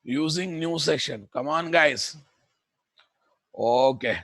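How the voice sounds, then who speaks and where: Bright-voiced Telugu Indian man teaching programming. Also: a little high, slow, no room sound. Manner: repeats phrases, prods listeners with questions. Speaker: programming instructor. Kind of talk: live coding lecture to students.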